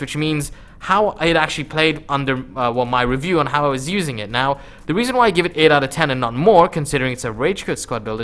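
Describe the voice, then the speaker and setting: A man's voice: fairly high pitch, a bit bright. A man giving casual, conversational gameplay commentary as a gaming video host, using informal slang.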